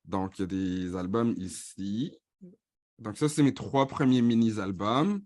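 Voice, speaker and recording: A man in his thirties talks at a measured pace in a fairly low, slightly mellow voice, captured in a dry, studio-quality recording. With a Franco-Ontarian French accent from his Paris birth and Ottawa upbringing, he introduces himself and his music casually, switching between French and English with easy fillers.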